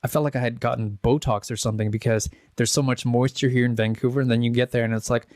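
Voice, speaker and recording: A man's voice: mid-range voice, fairly even intonation, fast talker, darkish tone, no room sound, clean studio sound. A man in his forties from the Czech Republic, a guest in a casual interview, rambling and restarting with chuckles. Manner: rambling, self-correcting, chuckles at his own stories. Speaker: interview guest, pianist and composer.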